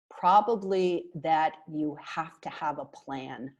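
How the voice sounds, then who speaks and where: Speaking very slowly in a low voice, a middle-aged Canadian woman joins a casual video call interview as a guest. She works as a marketing consultant and uses an earphone headset from a small, bright indoor room. Her manner is emphatic and chatty, and she gestures animatedly with her hands.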